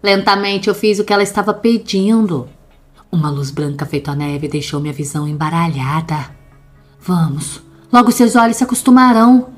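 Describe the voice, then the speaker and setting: Husky low-voiced woman narrating horror. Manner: tense, dramatic first-person storytelling. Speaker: storyteller. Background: faint background music.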